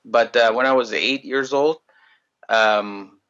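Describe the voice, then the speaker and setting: A young man from Greece, a musician telling his story in a relaxed, rambling way in a casual interview. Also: medium pitch, takes it slowly, lo-fi sound. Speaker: musician guest.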